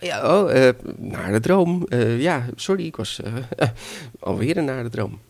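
A man voicing the devil's fussy old grandmother, talking high and stammering through her excuses. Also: a little slow, creaky, darkish tone. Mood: flustered. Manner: high-pitched, hesitant, flustered fibbing.

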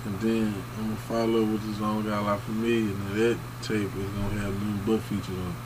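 A man's voice: on the low side, flat delivery, a little fast, background noise. A man talking casually and in slang as a rapper being interviewed. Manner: slangy, informal. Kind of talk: casual chat.

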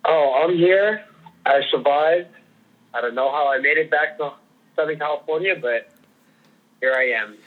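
A man's voice: on the high side, moderate pace, pauses often. A man co-hosting a sports podcast over the phone, easygoing and upbeat with filler ums. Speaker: podcast co-host. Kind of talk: casual sports podcast chat. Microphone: phone call. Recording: tinny phone line.

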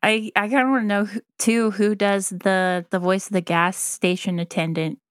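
A woman's voice: mid-range voice, fairly even intonation, moderate pace, no room sound, clean studio sound. A woman co-hosting a casual chat, curious and asking questions, laughing along. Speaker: podcast co-host.

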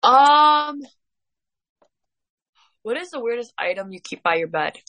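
A woman's voice: fairly high pitch, lively intonation, a little slow, fairly bright tone. A young woman co-hosting a casual podcast, giggly and teasing, rambling as she asks questions. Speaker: co-host.

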